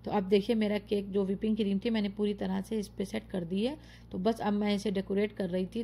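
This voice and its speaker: As the host and home cook of her channel, an adult mother of children narrates a cooking tutorial, chattily praising the dish and sharing step-by-step tips. She speaks with a medium-pitched, creaky, mellow voice, and there's slight background noise.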